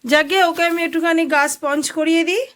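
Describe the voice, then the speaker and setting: A woman's voice: very high-pitched, fairly even intonation, fast talker, fairly bright tone. A young Indian woman vlogging casually at home, chatting to her viewers as friends and coaxing her toddler in playful baby talk.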